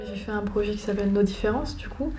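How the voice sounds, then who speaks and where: A young woman giving a personal testimony, pausing often and searching for her words. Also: mid-range voice, warm tone, soft background music. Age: young adult. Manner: hesitant, many filler pauses. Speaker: young program participant. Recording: echoey room with faint noise.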